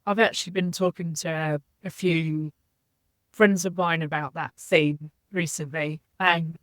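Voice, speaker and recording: A woman's voice: low voice, steady tone, measured pace, fairly bright tone, dry recording. A woman from Zambia, a podcast guest, speaking in a reflective, candid way. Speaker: guest, social impact leader. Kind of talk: podcast interview.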